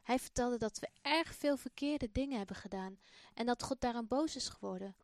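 A woman voicing a sick, guilt-ridden old father in a children's Bible story, speaking haltingly. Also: fairly high pitch, no echo, clean studio sound, natural voice. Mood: remorseful.

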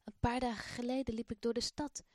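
A sick old father in a children's storybook speaks haltingly and wearily of his guilt, voiced by a woman reader. Her voice sits fairly high and the recording is dry. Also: steady tone, a little mellow, no echo, close to an everyday voice. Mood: remorseful.

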